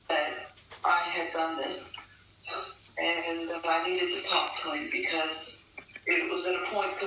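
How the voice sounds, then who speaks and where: A woman with a fairly low, pushed, bright voice gives earnest testimony as a guest describing something she lived through. She speaks emphatically, repeating phrases for stress, on an online call that sounds echoey, distant, and dull, with faint noise.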